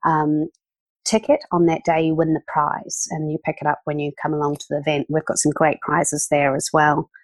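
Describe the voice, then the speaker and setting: A woman's voice: low-pitched, level tone, normal speed, no room sound. A woman, an event organizer chatting enthusiastically as a podcast guest, with many fillers. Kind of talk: casual interview talk.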